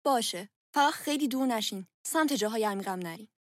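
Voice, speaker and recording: An actress playing a tall, busy mother of two who calls out loudly to her family in an audio drama. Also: on the high side, animated, no room sound, studio quality, lightly acted. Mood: cautioning.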